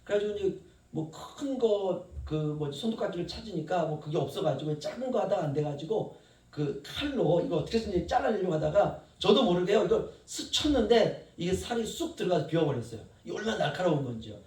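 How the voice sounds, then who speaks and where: A middle-aged man preaching a sermon as pastor, in a conversational, animated way. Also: sits high, fairly quick. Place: church sanctuary. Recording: roomy church echo, mic at a distance.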